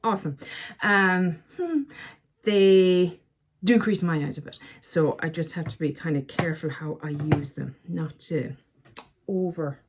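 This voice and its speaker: A woman's voice: lowish voice, a little slow, noisy background. A woman chatting casually to camera as a beauty vlogger, chatty and self-mocking, often talking to herself. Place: at home by a counter.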